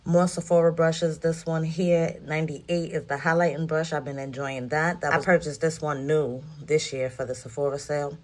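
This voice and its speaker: A woman with a New York accent, chatting casually through a makeup vlog while sorting her brushes at home, her morning voice low. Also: steady tone, normal speed, hardly any pauses. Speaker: beauty vlogger. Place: home room.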